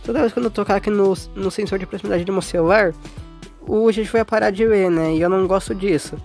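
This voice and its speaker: A woman's voice: mid-range voice, quick pace, a little mellow. A woman with a Brazilian accent hosting a casual step-by-step phone tutorial, informal and often adding short tag questions. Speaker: tutorial host. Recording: faint music behind.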